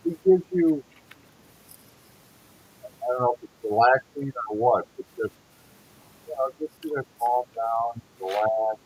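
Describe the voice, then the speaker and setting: A man's voice: mid-range voice, measured pace, long pauses, slightly rough. A man on a call-in livestream whose voice comes through muffled and dull, as if heard through a wall, trailing off while he tests his mic. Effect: muffled, dull microphone, as if heard through a wall or underwater. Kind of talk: casual chat.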